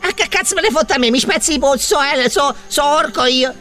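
A man's voice: extremely high pitch, brisk, sharp tone, faint music behind. A man voicing a bossy, exasperated orc leader with a Neapolitan accent in a comic fantasy, scolding and streetwise. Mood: defiant.

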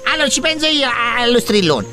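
Comic orc leader, male actor: sharp high voice, swooping delivery, exasperated and cocky. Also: very animated, fast, soft background music, exaggerated voice. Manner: informal, exasperated, slangy. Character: cocky, foul-mouthed male orc leader, whiny schemer.

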